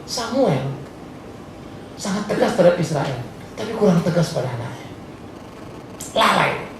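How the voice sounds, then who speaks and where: A male pastor preaching a sermon, with animated, jokey, slangy storytelling in a church hall. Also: sits high, unhurried, background noise. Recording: echoey church hall from far off.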